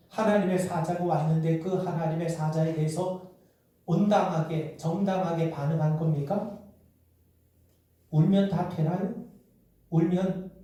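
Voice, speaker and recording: Middle-aged male pastor, mellow dark tone, sermon with rhetorical questions, distant mic in a reverberant church. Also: sits high. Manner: acts out quoted voices in dialogue. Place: church sanctuary. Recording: echoey church from far off.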